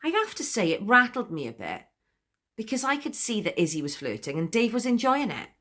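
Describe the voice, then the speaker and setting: A woman's voice: on the high side, big pitch swings, brisk, a bit bright. An actress playing a chatty, giggly woman who confides her story in a comic spoken monologue and laughs often between sentences. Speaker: monologue performer.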